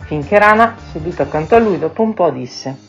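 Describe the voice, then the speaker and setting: Low-voiced woman presenting children's books. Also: animated, fast, warm tone, faint music behind. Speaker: radio host reading children's books. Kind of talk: scripted radio book presentation. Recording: dull lo-fi radio sound.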